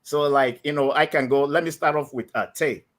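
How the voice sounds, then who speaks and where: This caller, a man from Nigeria, has a fairly high, steady voice and a brisk delivery. Phoning in to a live stream show with his Nigerian accent, he still hesitates a lot, stumbling through fillers and restarts.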